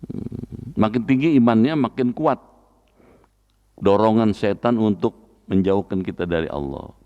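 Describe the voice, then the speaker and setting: A man preaching a Quran study sermon in a mosque, talking colloquially and putting rhetorical questions to the congregation. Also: lowish voice. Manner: spells out recitation slowly and deliberately. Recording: dull lo-fi recording.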